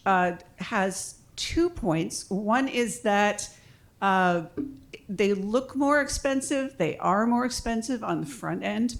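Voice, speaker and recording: A woman with a fairly low voice gives an unscripted public comment into a podium microphone at a meeting. She talks in a halting way, full of ums and restarts. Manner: hesitant, lots of ums and restarts. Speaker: public speaker at a school board meeting. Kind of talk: speaking off the cuff.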